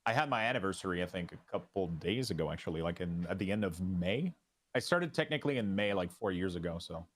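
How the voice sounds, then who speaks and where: This low-voiced man, a French Canadian whose native tongue is French, is being interviewed as a streamer guest. His conversation is easygoing but halting, full of false starts.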